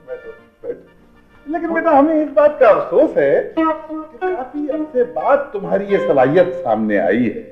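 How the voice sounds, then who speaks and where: A man's voice: high voice, wildly swooping pitch, takes it slowly, heavily acted. An actor playing an older fatherly man who teases mildly and talks patiently, in an old TV drama. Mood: teasing. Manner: mild, dryly humorous. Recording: tinny, phone-like old TV audio, faint music.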